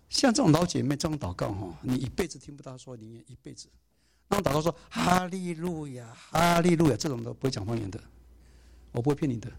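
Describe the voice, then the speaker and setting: Gravelly-voiced man preaching. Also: mid-range voice. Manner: conversational, emphatic preaching with soft asides. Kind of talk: sermon.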